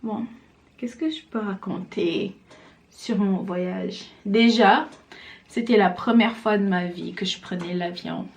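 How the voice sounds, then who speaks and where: A young Senegalese woman vlogs while doing her makeup, chatting to the camera slowly in a middle-pitched, creaky voice. She's loose and rambling, filling her talk with words like "genre," and seems to be in a room at home.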